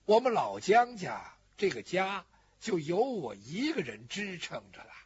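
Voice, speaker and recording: A man voicing a grieving middle-aged mother who was abandoned by her husband, telling her story with a drawn-out lament. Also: high voice, wildly swooping pitch, heavily acted. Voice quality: very husky. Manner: lamenting, drawn-out sung-like phrasing. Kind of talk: storytelling performance in first person. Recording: dull lo-fi recording.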